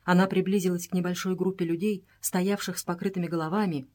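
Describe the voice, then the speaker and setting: A woman's voice: lowish voice, fairly even intonation, fast, mellow. Woman reading an adventure audiobook. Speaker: audiobook reader. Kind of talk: audiobook narration.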